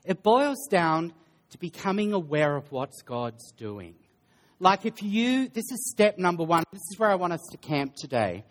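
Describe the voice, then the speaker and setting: A man preaching a sermon to a congregation, dropping into sarcastic asides and building to slow, emphatic lists. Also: high-pitched, very animated. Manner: sarcastic asides, drops to quiet then builds. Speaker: pastor. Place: church sanctuary.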